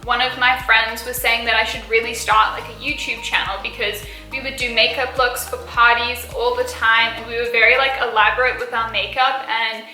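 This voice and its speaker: A South African beauty and lifestyle YouTuber in her early twenties, raised partly in Australia and carrying a mild Australian accent, casually answers viewer questions with many fillers and little giggles. Her slightly high voice barely moves in pitch, runs at a moderate pace with hardly any pauses, and sounds pushed and bright. Soft background music plays in a reverberant space.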